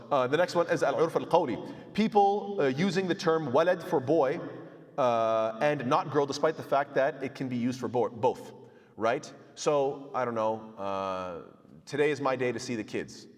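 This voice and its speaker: A man gives a conversational lesson on Islamic law, dropping in Arabic terms and playing out quick everyday exchanges with a joking touch. His voice sits at an ordinary middle pitch for a man. The sound carries a long reverb, as if recorded in a large hall. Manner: conversational, joking asides, acts out little dialogues. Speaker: Islamic studies teacher. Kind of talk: casual classroom lecture. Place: mosque hall.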